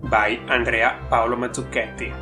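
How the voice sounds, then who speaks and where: A man hosts an interview podcast in a mid-pitched voice. He uses non-native phrasing and drops into soft asides. The room gives his voice a clear echo, with faint music behind. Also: flat delivery, normal speed. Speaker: podcast host.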